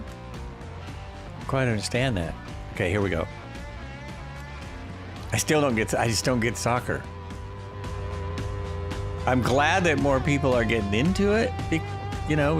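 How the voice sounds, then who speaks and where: A mid-range-voiced man hosts a live stream, chatting casually with viewers while flying and thinking aloud, bursting into excited yelps and cheers along the way.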